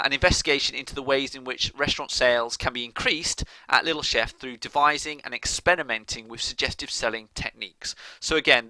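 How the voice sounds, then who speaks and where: Male lecturer, very bright tone, dry close sound, explanatory with frequent restarts. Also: medium pitch, no echo, poor audio. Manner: explanatory, repeats and restarts phrases, checks with "okay?". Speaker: college lecturer. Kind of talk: recorded lecture.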